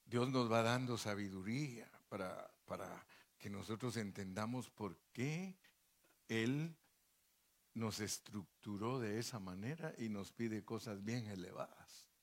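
A man's voice: lowish voice, a little slow. A male pastor preaching a sermon in a folksy, joking way, full of rhetorical questions and asides to the congregation.

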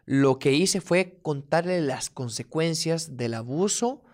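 A man co-hosting a casual conversation with his partner, explaining things calmly and listing examples. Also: a little high, takes it slowly. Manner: calm, explanatory, lists examples. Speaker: podcast co-host.

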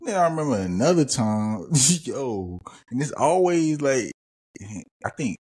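A man's voice: medium pitch, sing-song, unhurried, a little mellow, slightly rough. A man, hosting a podcast and telling loose, profane, rambling stories. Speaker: podcast host. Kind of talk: casual storytelling.

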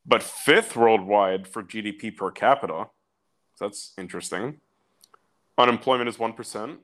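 A young man with a somewhat low voice reads figures aloud in a loose, halting way. He swears casually and stops to look things up as he goes. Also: a bit bright. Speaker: podcast co-host. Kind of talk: casual chat.

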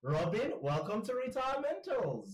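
A man hosts a podcast interview in an extremely high voice whose pitch swoops wildly, speaking at normal speed. He's enthusiastic and chatty, often repeating words and laughing as the casual conversation unfolds. The recording sounds echoey and distant, as if the mic were across the room.

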